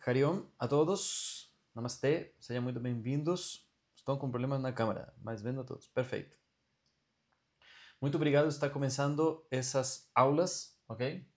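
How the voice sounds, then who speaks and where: A man with a mid-range voice, speaking at normal speed, leads a laid-back online session on Ayurveda and Vedic studies via video call, regularly checking in on his audience.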